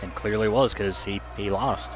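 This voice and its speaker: A man's voice: fairly low pitch, steady tone, moderate pace, crowd noise. A man working as a wrestling commentator, calling play-by-play in clipped, punchy phrases. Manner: clipped, punchy move-by-move calls.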